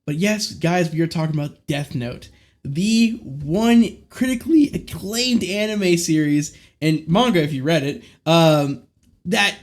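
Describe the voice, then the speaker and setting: A man hosting a casual podcast, hyped and cursing, often stumbling over his words. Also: a little high. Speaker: podcast host.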